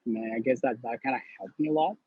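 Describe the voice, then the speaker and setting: Fast and slightly rough, this medium-pitched male voice belongs to a newly matched neurology resident from Honduras. He's an interview guest on a video call, giving casual advice earnestly and bluntly while often repeating words. The recording is slightly dull, lo-fi and without echo.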